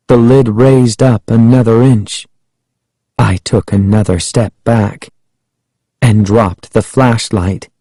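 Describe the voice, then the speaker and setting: Slow, suspenseful male audiobook narrator. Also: mid-range voice, warm tone, no room sound. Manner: slow, suspenseful, dramatic first-person reading. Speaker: audiobook reader. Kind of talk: scripted narration of a children's horror book.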